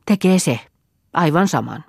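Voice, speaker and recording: A woman's voice: low-pitched, animated, gravelly, husky, no room sound, clean studio sound, voice pushed up, exaggerated voice. Woman doing a scolding peasant mother. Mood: hushed. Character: anxious, strict peasant mother of girls.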